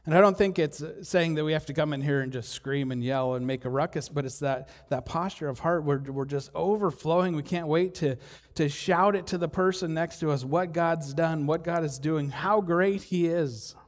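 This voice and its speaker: A man preaching a sermon in a church, speaking conversationally with rhetorical questions and frequent restarts, at times poking gentle fun at himself. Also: fairly high pitch, moderate pace. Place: church hall. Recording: long hall reverb.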